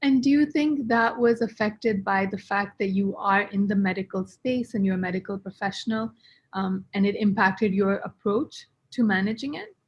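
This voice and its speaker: A woman's voice: mid-range voice, normal speed, husky, highs cut off. A woman hosting a webinar over a video call, reading a polite introduction and asking questions with a few fillers. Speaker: webinar host. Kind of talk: scripted introduction and interview questions.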